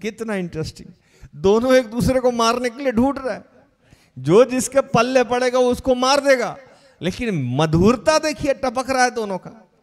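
A man's voice: very high-pitched, lively intonation, normal speed. A man preaching a sermon, telling a story with animation and asking his listeners questions. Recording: long hall reverb.

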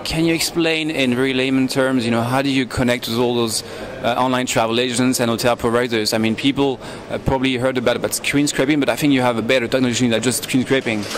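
A man interviewing a guest at a conference, asking long, halting questions full of fillers. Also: mid-range voice, fairly even intonation, a crowd in the background. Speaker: interviewer, travel blogger.

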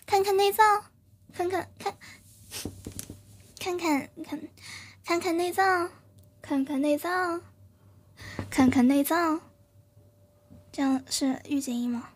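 A woman's voice: very high-pitched, slow pace, long pauses. A woman streamer putting on a haughty, aloof mature-woman voice, drawing out her words.

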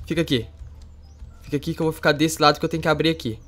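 A man with a Brazilian Portuguese accent hosting a Minecraft let's play, excitable and jumping to loud squeals when startled. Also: fairly high pitch, racing, soft background music. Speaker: gaming youtuber host.

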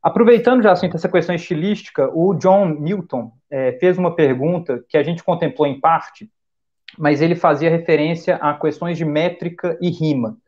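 A man's voice: a little high, normal speed, darkish tone. Male host on dull video-call audio. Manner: hesitant, fillers while reading a question. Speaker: host, interviewer. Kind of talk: live-streamed interview, asking questions.

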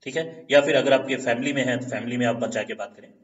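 A man's voice: medium pitch, steady tone, fast talker, recorded from a distance. A man hosting a casual lesson, explaining step by step and mixing English phrases into his talk, often checking in with his listeners. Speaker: channel host giving advice. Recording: echoey room, set back from a dull mic.

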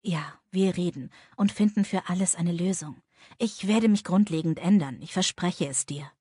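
A tender young man speaks low and soft to the woman he loves, as a woman reads him in a romance audiobook. The voice is husky and breathy, and it sits close and dry with no room around it. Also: moderate pace, no echo. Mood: earnest.

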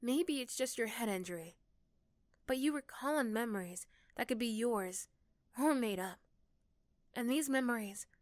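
A young woman with a fairly high voice narrates a second-person ASMR story, speaking close to a dry microphone with no room sound.

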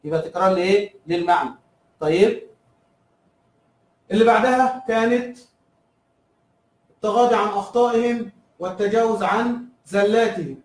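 A man's voice: high voice, moderate pace, pauses often, reverberant, far from the mic, low-quality recording. A man with an Egyptian Arabic accent teaching a review lesson, asking his students questions and answering them himself, repeating key terms.

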